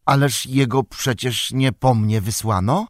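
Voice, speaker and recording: A man voicing a curious, eager young male hobbit in an audiobook, raising his voice and asking quick questions. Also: medium pitch, no room sound, clean studio sound, lightly acted. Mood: anxious. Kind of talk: audiobook character reading.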